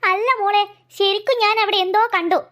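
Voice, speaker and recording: A woman's voice: extremely high pitch, fairly even intonation, a little fast, a bit bright. A woman voicing a fearful old grandmother in a cartoon, talking in an anxious, insistent way. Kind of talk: cartoon voice acting.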